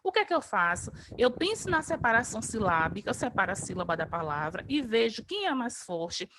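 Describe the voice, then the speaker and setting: Patient teacher explaining grammar. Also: female voice, fairly high pitch, big pitch swings, a little fast, background noise. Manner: patient, explanatory, stretches out example words. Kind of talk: online grammar review lesson. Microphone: video call.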